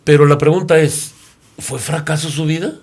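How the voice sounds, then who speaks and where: A man's voice: on the high side, fairly even intonation, moderate pace, darkish tone. A man in his sixties with a Mexican Spanish accent, a pastor talking through a Bible lesson and telling stories in which he acts out the characters. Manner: storytelling, acts out quoted characters. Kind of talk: sermon-like Bible lesson discussion.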